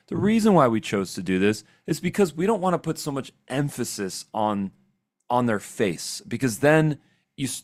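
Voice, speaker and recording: A man with a fairly low voice leads a live software training with lively, demonstrative energy. His delivery is dry and close, with no room sound. He talks casually to his audience, full of asides. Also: dry recording.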